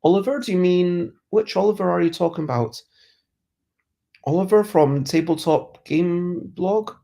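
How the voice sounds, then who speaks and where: The voice is mid-range and warm, unhurried, with some vocal fry. A streamer hosting a chat show, stuffed up with a cold, muses in loose conversation and reads viewer comments, easygoing and prone to interrupting their own thoughts.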